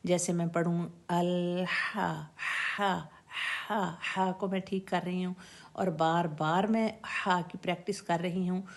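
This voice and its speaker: A woman teaching Quran recitation rules, patiently repeating words and sounds slowly for her students to practise. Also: on the low side, level tone. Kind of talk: slow instructional lesson with recited examples.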